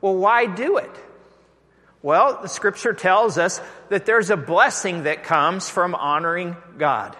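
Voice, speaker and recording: A Texan-accented man preaches from the pulpit, his voice high-pitched and emphatic. He draws the congregation in with questions and call-and-response lines. The sound carries a long church-hall reverb. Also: takes it slowly, bright, forceful tone. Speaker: pastor. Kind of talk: sermon. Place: church sanctuary.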